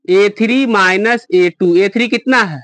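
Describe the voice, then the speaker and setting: A man's voice: sits high, measured pace, fairly bright tone. A man teaching a math lesson to a class, explaining step by step and quizzing his students.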